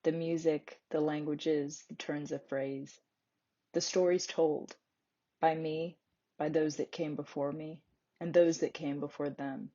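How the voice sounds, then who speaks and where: Woman, low voice, even and flat, reflective spoken-word narration, slightly muffled recording. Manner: measured, poetic delivery.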